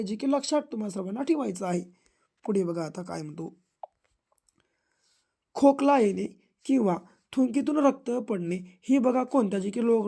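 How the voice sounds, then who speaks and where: A woman from Maharashtra, India, teaches exam preparation by walking through questions and repeating each answer. She keeps urging her listeners to memorize everything. Her voice sits somewhat high with a warm, mellow tone. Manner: repetitive, drilling phrases, urges memorizing.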